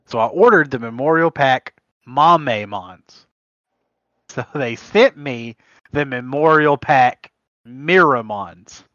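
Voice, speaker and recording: A man's voice: mid-range voice, lively intonation, slow pace, pushed and bright, no room sound. A man co-hosting a trading card game podcast, telling stories in casual chat and laughing at his own mishaps. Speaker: podcast co-host. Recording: muffled lo-fi audio.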